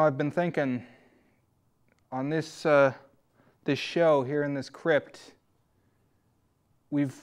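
A man in his thirties playing an earnest undead horror host count in a comedy sketch, talking in a halting, ponderous way. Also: mid-range voice, clear, resonant tone, natural voice. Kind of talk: comic sketch monologue.

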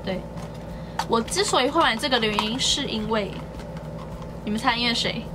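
A woman's voice: on the high side, normal speed, noisy background. A young woman, chatting casually and cheerfully as she shows the things she bought. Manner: chatty and upbeat, often stresses words by doubling them. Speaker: beauty and shopping vlogger. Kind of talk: casual haul vlog chat.

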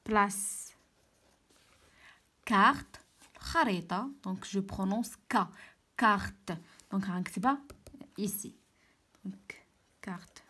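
A woman with a Moroccan Arabic accent giving an online French lesson. She repeats each word slowly and patiently explains how it sounds. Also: medium pitch, bright, forceful tone, slightly rough. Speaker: French teacher.

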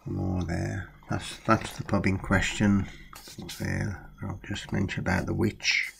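An older man talks slowly through a book on a webcam in a small room at home, lingering over each phrase. His voice sits very low, and he reads passages aloud like a storyteller. A faint noise floor runs under the recording. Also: little pitch movement, vocal fry, fairly bright tone. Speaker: vlogger reviewing a book. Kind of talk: casual talk and reading aloud. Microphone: webcam close up.

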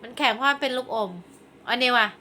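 A woman's voice: high voice, steady tone, fast, pushed and bright. A woman casually chatting with young children as she hosts a tasting, playfully prompting them with questions, exclamations and little sing-song fanfares. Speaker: host guiding children through a candy tasting. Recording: clear background noise.

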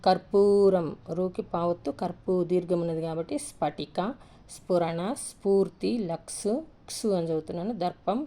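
A woman teacher slowly reading a word list aloud, one word at a time, and explaining how each should be read. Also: lowish voice, dark tone. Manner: slow, deliberate, reads each word separately with pauses.

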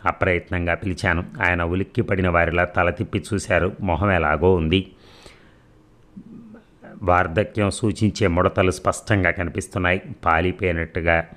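A man reading a novel aloud in a steady, measured storytelling manner. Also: low voice. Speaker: story reader.

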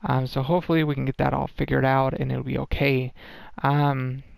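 A man's voice: mid-range voice, level tone, moderate pace, gravelly, dry recording. A tired man giving a casual, rambling game development update, full of ums and restarts. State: tired, worn-out voice.

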